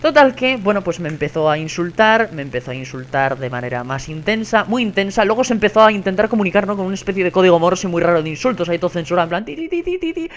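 A man's voice: sits high, fast talker, hardly any pauses. A young man from Spain with a Spanish accent, telling a gaming story with sarcastic commentary as a gaming YouTuber. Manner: sarcastic, storytelling, animated retelling of insults. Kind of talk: casual gameplay commentary.

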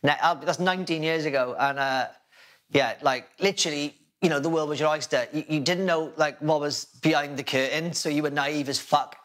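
A man's voice: on the high side, fairly even intonation, fairly quick, fairly bright tone. A man in a casual podcast chat who swears heavily and keeps repeating himself with "you know" and "like". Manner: heavy swearing, many fillers and repeats. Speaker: cast member.

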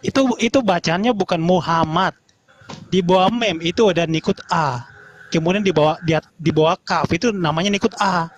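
A man with a fairly high voice argues in a heated online debate. He lectures combatively and slows right down to spell out words and drive his point home. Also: slight background noise.

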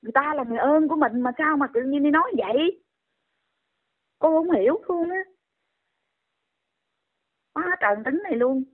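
A woman's voice: sits high, moderate pace, pauses often. An older woman, scolding and exclaiming in indignant commentary. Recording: tinny phone line.

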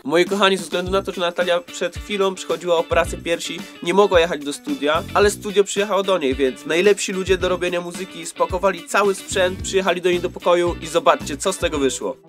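A man narrates a vlog informally, talking very quickly in a high voice. Music plays clearly behind him. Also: steady tone.

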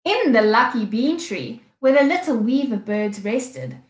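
A woman teacher with a South African accent reads a storybook aloud to young children, slowly and expressively, in a fairly high voice. The room is echoey.

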